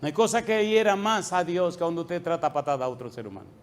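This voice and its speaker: This is a fast-paced sermon from a middle-aged male pastor who keeps pressing the congregation with repeated questions, his voice sinking soft and low as each phrase ends.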